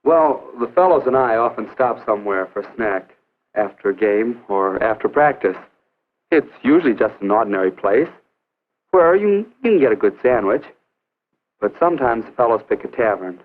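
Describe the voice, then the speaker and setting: A young man acting an earnest, hesitant high school athlete in the stilted style of a 1950s educational film. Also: expressive, normal speed, natural voice. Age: teens or young adult. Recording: narrow phone-like 1950s film soundtrack.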